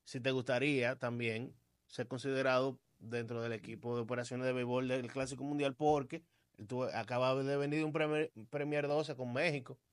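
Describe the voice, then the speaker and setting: A man's voice: mid-range voice, level tone, a little fast, clean tone, no echo. A man co-hosting a sports podcast, chatting casually and arguing his picks with animation.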